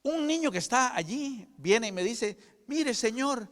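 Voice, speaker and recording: An older man preaching a sermon as pastor, with fervent delivery that moves from loud proclamation to hushed whispers. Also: extremely high pitch, very animated, normal speed. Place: church sanctuary. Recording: church hall with long reverb.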